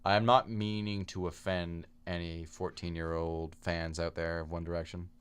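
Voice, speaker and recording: A man's voice: deep voice, level tone, normal speed, clear, resonant tone. A young man co-hosting a podcast in casual chat, opinionated and talking in long stretches. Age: young adult. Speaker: podcast co-host.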